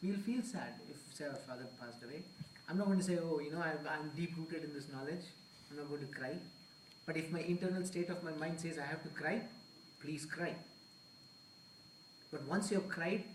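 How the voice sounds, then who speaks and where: A man's voice: a little high, darkish tone, a little hiss or hum. A man giving an earnest discourse at a temple, mixing Hindi phrases into English. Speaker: temple speaker. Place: temple hall. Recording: echoey hall, mic far off.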